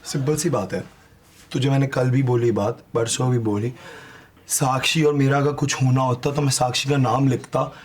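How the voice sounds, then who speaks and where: A man's voice: medium pitch, fairly even intonation, moderate pace. A young man in a heated relationship argument, insisting and defending himself, mixing English into his Hindi. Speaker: reality show contestant.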